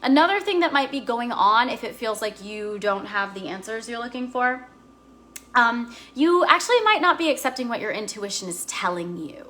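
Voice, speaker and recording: Bright, earnest woman coaching actors. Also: fairly high pitch, lively intonation, moderate pace. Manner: earnest, explanatory, with guided breathing. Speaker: acting career coach. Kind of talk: motivational teaching talk.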